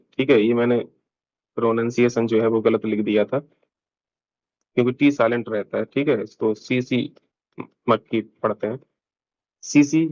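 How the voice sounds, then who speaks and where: A man's voice: mid-range voice, a little mellow, highs cut off. A man teaching an exam-prep lesson in a casual, chatty way, explaining each answer step by step and mixing in English terms.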